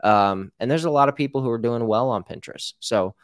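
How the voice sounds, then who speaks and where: A man's voice: mid-range voice, fairly quick, dry recording, clean studio sound. An American man hosting a casual interview, informal and rambling, acting out example quotes as he talks. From United States. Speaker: show host.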